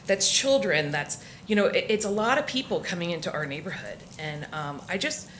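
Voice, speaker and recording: A woman who grew up locally in Florida, speaking at public comment in a council meeting, emotional and halting with many restarts. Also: on the low side, expressive, a bit bright, a little hiss or hum.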